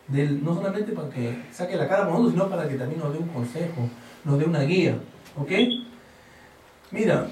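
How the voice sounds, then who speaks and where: A man's voice: sits high, a little hiss or hum. A man preaching a sermon, acting out Bible stories and asking the congregation questions. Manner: animated storytelling, acting out Bible scenes. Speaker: pastor. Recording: echoey hall, mic from a distance.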